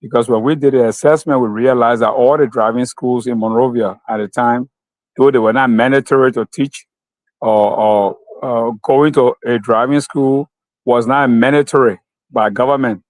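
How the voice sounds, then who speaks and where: A man from Liberia speaks with a Liberian English accent as an interview guest. His voice sits at a middle pitch, and the sound is dry and close with no room echo. He talks slowly and thinks aloud, pausing on "uh" and "um.". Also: steady tone, a little mellow. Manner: slow, measured, with many fillers. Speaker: guest, company founder. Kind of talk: interview answers.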